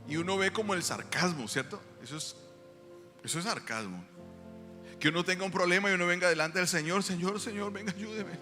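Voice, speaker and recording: Animated pastor preaching. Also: male voice, sits high, brisk, big-room sound, soft background music. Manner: animated preaching, acting out quotes. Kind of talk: sermon. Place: church.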